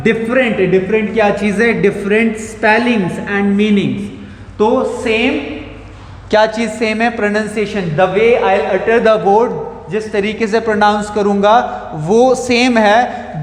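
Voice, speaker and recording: A male school English teacher, giving a grammar lesson and spelling words out letter by letter. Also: high-pitched. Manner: slow, repeats and spells out words. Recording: roomy echo with long reverb.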